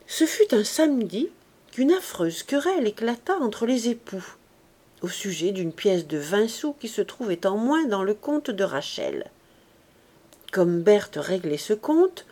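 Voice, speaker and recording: A woman reads a nineteenth-century novel aloud as an audiobook narrator. Her storytelling is clear and expressive, with a steady, attentive delivery. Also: mid-range voice. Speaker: audiobook reader. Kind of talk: scripted narration.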